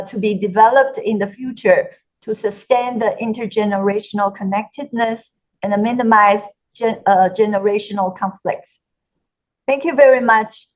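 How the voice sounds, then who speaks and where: A woman's voice: mid-range voice, low-quality recording. A woman giving a presentation on a webinar over a video call, careful with "uh" fillers and restarts.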